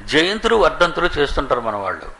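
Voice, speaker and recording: A man's voice: fairly high pitch, sing-song, quick pace, creaky, pushed and bright, rough recording. A man preaching a sermon, scolding and mocking as he acts out quoted people.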